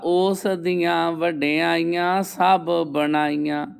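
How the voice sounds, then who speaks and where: A man's voice: high voice, gravelly, smooth. A man, a Sikh preacher, chanting devotional verse and drawing out every line, with short plain-spoken explanations between the verses. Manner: draws out each verse line, then briefly explains in quicker plain speech.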